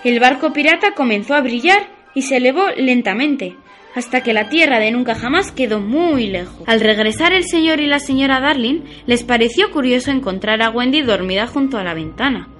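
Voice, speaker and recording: Woman storyteller, kids' radio, high voice, swings up and down a lot. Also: normal speed, faint music behind. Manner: lively, expressive reading. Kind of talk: children's story narration.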